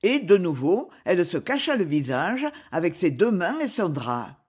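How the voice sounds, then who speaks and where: A woman reading a chapter of a classic novel aloud in a measured, expressive storytelling manner. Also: fairly low pitch, slightly rough. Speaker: audiobook reader. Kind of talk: scripted narration of a novel.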